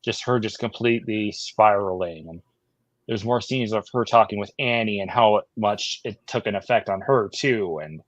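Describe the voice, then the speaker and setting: A man with a lowish voice talks thoughtfully in a casual podcast chat, laying out his views. The sound is dry and slightly dull, like a lo-fi recording. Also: moderate pace, no room sound. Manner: thoughtful, explanatory. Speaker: podcast co-host.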